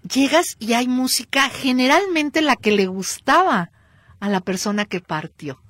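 A woman with a Mexican accent hosting a cultural radio show, lively and playful with her guest. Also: sits high, measured pace, no echo, clean studio sound. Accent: Mexican Spanish. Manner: lively, playful, laughs easily. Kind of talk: casual radio chat.

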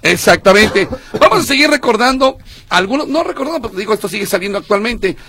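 A man's voice: sits high, expressive, fast talker, bright, forceful tone, husky. A man co-hosting a radio show, chatty and jokey, stumbling over his words now and then. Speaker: radio co-host. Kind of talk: casual radio banter.

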